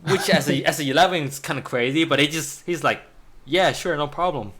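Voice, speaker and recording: This art teacher, a man in his thirties whose first language is Chinese, chats while drawing, frequently starting over and breaking into laughter. His voice sits a little high, runs a little fast, and sounds a bit bright.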